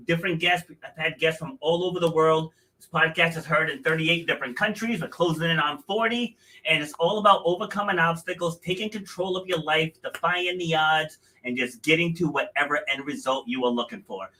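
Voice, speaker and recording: A bright, fairly high-voiced man hosts a podcast in a loose, chatty way, often stopping to correct himself. He sounds a little far from the mic, with a touch of distance on his voice. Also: normal speed. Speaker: podcast host. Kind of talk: casual interview hosting.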